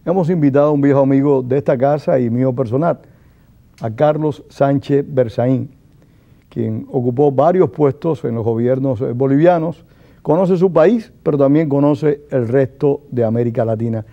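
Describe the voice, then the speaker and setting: A male television journalist conducting a formal interview, speaking in a measured, deliberate way. His voice sits at an ordinary middle pitch. The broadcast recording sounds dull and lo-fi. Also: vocal fry.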